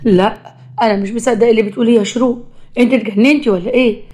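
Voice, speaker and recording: Woman playing a smug husband, blunt, defensive, rapid talk, slightly high voice, animated story. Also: natural voice. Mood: protesting. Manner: blunt, self-justifying.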